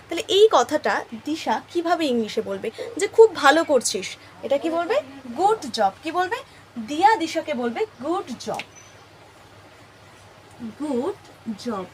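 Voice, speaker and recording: A woman teacher, telling a story to teach English phrases, slowly repeating each phrase and checking in with her listeners. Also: high-pitched, a little hiss or hum, rough recording. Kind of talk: spoken English lesson told through a story.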